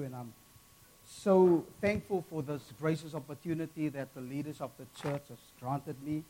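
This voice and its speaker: A man with a Cape Flats South African accent preaching an earnest, deliberate sermon to a congregation. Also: fairly high pitch, slight background noise, rough recording. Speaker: guest preacher.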